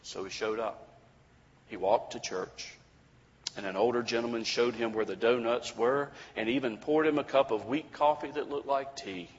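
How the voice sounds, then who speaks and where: A male preacher telling a sermon story in a measured way, with dramatic pauses. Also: medium pitch. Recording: dull lo-fi recording with long hall reverb.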